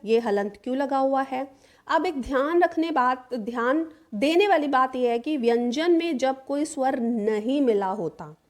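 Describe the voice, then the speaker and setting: A woman teaching a grammar lesson, explaining step by step, often asking a question and then answering it herself. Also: high-pitched. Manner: repeats 'ठीक है' often, asks questions then answers them.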